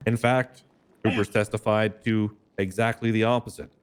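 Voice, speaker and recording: A man playing a defense lawyer in a roleplay court case, giving a measured, formal closing argument. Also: on the low side, fairly even intonation, clear, resonant tone.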